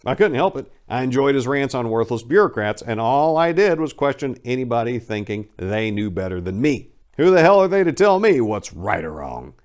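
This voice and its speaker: In this clip, a man hosts an expressive, dramatic reading styled like a personal memoir, moving between emphatic and hushed delivery. His voice sits in the mid range, he speaks at a normal speed, and he barely pauses.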